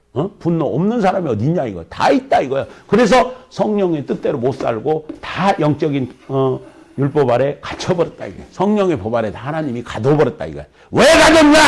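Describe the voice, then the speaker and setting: 열정적으로 꾸짖는 목사의 쉰 목소리. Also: male voice, medium pitch, darkish tone, breathy edge. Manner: emphatic, scolding preaching with rhetorical questions. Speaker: pastor. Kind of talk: sermon.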